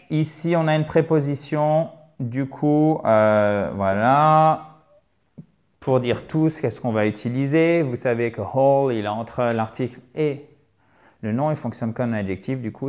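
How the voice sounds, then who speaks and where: A French man teaching English pronunciation on camera in a lively, emphatic way, drilling words by repeating them. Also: medium pitch. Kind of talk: video lesson. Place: indoor filming set with a spotlight. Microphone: camera mic, moves around in frame.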